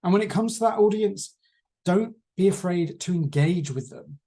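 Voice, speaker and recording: A presentation coach giving an online training talk over a video call, speaking in a lively, emphatic way and stretching or rushing words for effect. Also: medium pitch.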